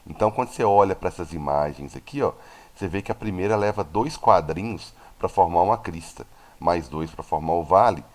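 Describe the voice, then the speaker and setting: A Brazilian man with a very low voice teaches a physics lesson. He goes through each point step by step and stops often to check that his students are following. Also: fairly quick. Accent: Brazilian Portuguese. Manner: explanatory, many tag questions. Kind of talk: recorded classroom lesson.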